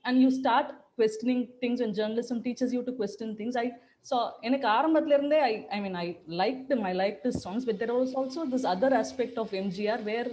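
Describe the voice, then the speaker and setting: A woman's voice: a little high, darkish tone, a little hiss or hum. A woman, answering interview questions reflectively. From Chennai, India. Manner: rapid, reflective, switches between languages mid-sentence. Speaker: podcast co-writer, journalist. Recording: dull lo-fi call audio.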